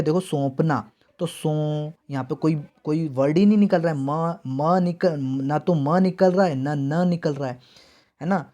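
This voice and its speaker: A slightly high-pitched young man teaches an exam-prep lesson. He asks his students quick questions and answers them himself, and he stretches out key words slowly so they stick. His delivery is chatty and informal. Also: dark tone. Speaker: Hindi teacher.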